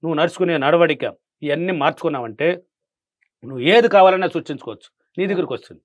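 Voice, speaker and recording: A man's voice: a little high, rapid-fire, dry recording, highs cut off. A man, a money affirmation coach speaking as an interview guest, emphatic and repetitive, quizzing his listener.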